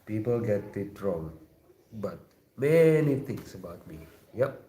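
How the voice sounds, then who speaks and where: A man with an Indonesian accent hosting a live chat room, talking casually and haltingly and often repeating short phrases. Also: lowish voice, very animated, warm tone. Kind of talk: casual chat, reading out chat messages. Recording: roomy echo, faint background noise.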